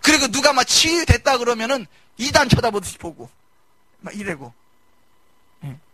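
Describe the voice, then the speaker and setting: A male pastor giving a lively sermon, mimicking people and shouting his emphases. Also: very high-pitched, normal speed, no room sound. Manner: animated preaching, mimicking congregants, shouting emphases. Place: church sanctuary.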